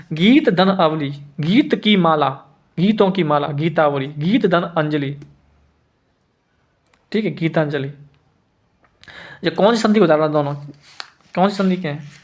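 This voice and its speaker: A man teaching a Hindi spelling lesson who repeats each word slowly and keeps checking that his students follow. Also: high-pitched, highs cut off.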